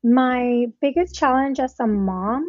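A woman in her thirties tells her own story to an interviewer, earnest and reflective, laughing between thoughts. Her voice sits a little high and sounds soft and breathy. It comes through a dull, lo-fi recording. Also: slow, dry recording. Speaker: interview guest.

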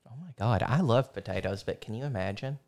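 A man's voice: on the low side, animated, fairly quick, a little mellow. A man co-hosting a podcast in casual chat, joking and playful. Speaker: podcast co-host.

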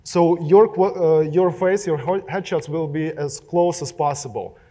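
Young russian-accented guy giving a talk to a crowd, kinda high voice, long hall echo. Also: unhurried, dark tone. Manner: casual, direct, addresses audience with questions. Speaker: speaker. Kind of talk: live talk to an audience. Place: hall with a live audience.

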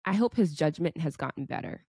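A woman co-hosting a podcast in casual chat, speaking in a hesitant, measured way. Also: deep voice, lively intonation, dark tone, slightly rough, no room sound, clean studio sound. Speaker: podcast co-host.

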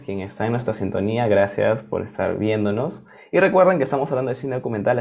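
A man's voice: lowish voice, creaky, a little mellow. A man co-hosting a casual talk show, chatty and enthusiastic. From Peru. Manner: chatty, enthusiastic, with frequent fillers and restarts. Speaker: co-host.

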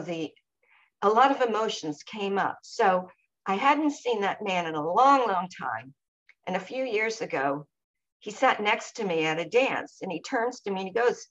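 A woman co-hosting a podcast, sharing her personal experience in a reflective, measured way and pausing to search for words. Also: mid-range voice, fairly bright tone, lo-fi sound. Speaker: podcast co-host.

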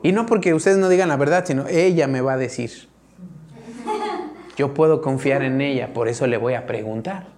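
A man's voice: mid-range voice, moderate pace, darkish tone. A male pastor with a Mexican accent delivers a conversational sermon. He talks like he's chatting with the pews and keeps checking in with his listeners.

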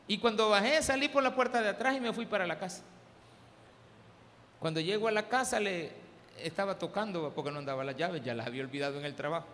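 At a church service, a Salvadoran pastor with a Salvadoran Spanish accent preaches a sermon built on personal anecdotes, slipping into jokey stories and calling out "hermano" to the congregation. His high voice has a rough, gravelly edge and a fairly bright tone, and a long church-hall reverb sits over faint background noise.

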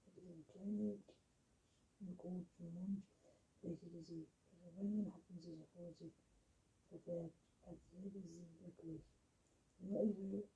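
A woman reads a children's story aloud, often drifting into a half-whisper and tripping over words before starting again. Her voice is very dark and mellow, with a heavy breathiness, and she takes her time. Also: lowish voice, slightly rough, muffled recording. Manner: halting, with frequent stumbles and restarts, often half-whispered. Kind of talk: reading a children's book aloud.

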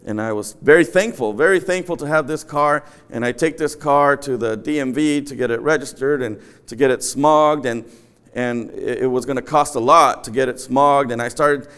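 A man's voice: medium pitch, fairly bright tone, smooth. A middle-aged man preaching a sermon in an empty church sanctuary, earnest and repeating his key phrases. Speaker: pastor.

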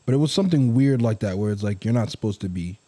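Young adult male, mellow tone, loose rambling friend-to-friend banter with a teasing edge. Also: fairly low pitch, expressive, fast.

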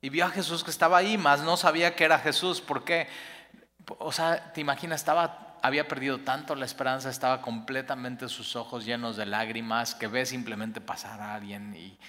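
A man delivers a sermon in a bright, forceful voice. He swells to emphatic peaks and then sinks almost to a hush. A long reverb trails behind him, as in a church hall. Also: medium pitch, brisk. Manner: expressive, rising to emphatic peaks then dropping soft. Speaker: pastor.

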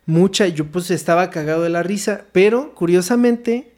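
A young Mexican man with a high-pitched voice tells a story among friends. He talks in loose, slangy, profane bursts and slips into acting out the quotes. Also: normal speed, a little mellow. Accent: Mexican Spanish. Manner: slangy, swears a lot, acts out quotes. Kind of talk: casual chat.

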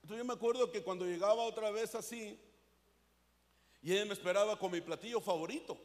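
High-voiced Mexican pastor preaching. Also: male voice, fairly quick. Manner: earnest, conversational preaching with calls to the congregation. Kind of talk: sermon. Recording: echoey hall with long reverb.

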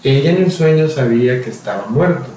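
A man's voice: medium pitch, expressive, a little fast, mellow. A man with a Mexican Spanish accent relays an anecdote in loose podcast banter, leaning on slang fillers. His voice sits away from the mic in a very echoey room. Faint noise runs underneath. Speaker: podcast co-host. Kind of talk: casual chat. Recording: roomy echo, distant mic, faint noise.

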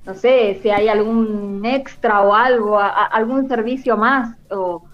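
Guest, female, Argentine accent, a bit high, calling in on a dull line. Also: fairly even intonation, measured pace. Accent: Argentine Spanish. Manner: laughs often, repeats herself. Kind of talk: casual radio chat. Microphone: remote call with delay. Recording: dull, muffled remote call.

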